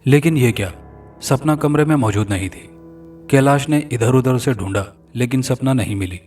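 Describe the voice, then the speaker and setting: A man narrating a scripted horror story in an even, dramatic storytelling manner. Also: mid-range voice, moderate pace. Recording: distant mic with faint music.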